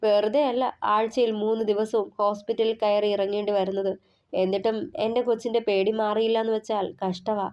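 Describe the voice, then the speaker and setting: Woman voicing a coaxing, gentle young man. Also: mid-range voice, flat delivery, brisk, clean tone, muffled recording, lightly acted. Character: caring, teasing young man comforting his love.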